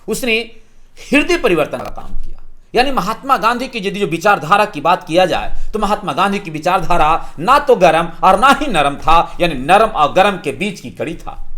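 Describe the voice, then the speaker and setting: A man with a Bihari accent teaching a history lesson for exam students, posing questions and answering them himself. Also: on the high side. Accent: Bihari Hindi. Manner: lively, asks and answers his own questions.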